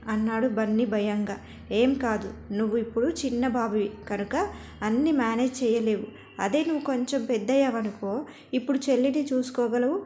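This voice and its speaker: A woman's voice: a little high, dark tone. A woman narrating a family story and voicing its characters herself. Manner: reads all characters in a lightly shifted voice. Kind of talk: scripted narration of a family drama.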